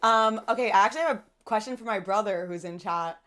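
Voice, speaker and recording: A woman's voice: mid-range voice, fast, fairly bright tone. A woman hosting a casual live interview, upbeat, reading out questions. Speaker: interview host.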